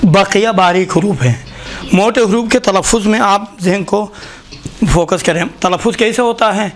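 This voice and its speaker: A man teaching Quranic pronunciation to a class, explaining patiently and asking the students questions. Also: high voice. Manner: patient, questioning, often says "look". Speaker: tajweed teacher. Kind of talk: classroom lesson.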